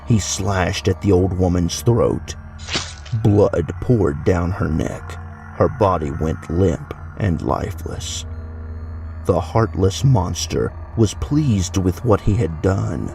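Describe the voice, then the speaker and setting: Man, horror story narrator, scripted, brooding, gravelly voice, slow delivery. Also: deep voice, dark tone.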